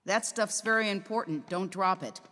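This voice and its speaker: A woman playing a sharp-tongued, know-it-all schoolgirl in an anime English dub, with a cutting, haughty way of talking. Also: mid-range voice, normal speed, in a large hall, heavy background noise, lightly acted. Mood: worried.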